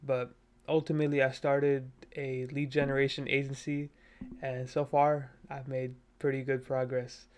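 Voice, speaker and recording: With little pitch movement, this medium-pitched, slightly mellow male voice keeps a moderate pace. The speaker is a Nepali vlogger in his twenties, filming a self-improvement video in his bedroom at his parents' house on a cheap USB desk mic. He comes across as earnest, casual and self-motivating, loose with fillers.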